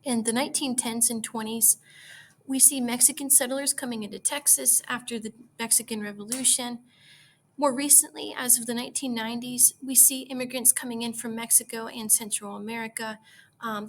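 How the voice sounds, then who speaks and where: A woman's voice: a little high, slight background noise. A young woman student giving an informative class presentation outdoors, with frequent ums. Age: young adult.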